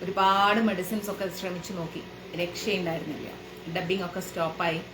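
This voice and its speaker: A woman's voice: lowish voice, steady tone, fairly quick, background noise. A woman giving a spiritual lecture to a class, asking the listeners questions and explaining with everyday examples. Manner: asks the listeners rhetorical questions. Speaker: devotional class teacher. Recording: echoey room.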